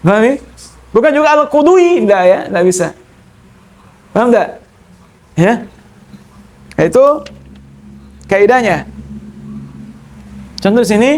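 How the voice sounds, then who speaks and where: A man's voice: extremely high pitch, creaky. A man teaching a classroom grammar lesson, explaining step by step and often checking that his students understand. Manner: explains step by step, repeating key terms. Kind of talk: classroom lecture.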